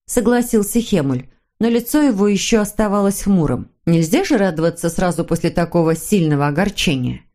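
Expressive woman reading a storybook. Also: fairly low pitch, brisk, hardly any pauses. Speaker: audiobook narrator. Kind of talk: storybook narration.

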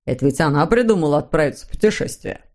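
Lady doing a bossy grumbly troll dad, low and mellow. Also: expressive, racing. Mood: authoritative. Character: pompous grumbling father troll.

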